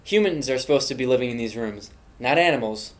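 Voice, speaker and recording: In an echoey dorm room, a young man narrates a mock safety video from a script, earnest and solemn as he preaches advice. He speaks fairly quickly in a mid-range voice with lively intonation.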